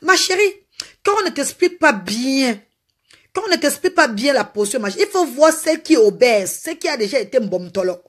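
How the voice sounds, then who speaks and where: A woman's voice: high-pitched, lively intonation, fairly quick, husky. A woman hosting a casual live stream, talking animatedly and repetitively to her viewers and greeting them by name. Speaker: live-stream host selling a slimming potion.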